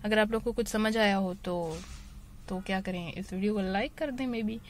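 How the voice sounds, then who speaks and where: Young woman, driving vlogger, casual step-by-step talk, phone mic in a moving car with clear road noise. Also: medium pitch, moderate pace. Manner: explains each step plainly, slipping English phrases in. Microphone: phone held in one hand.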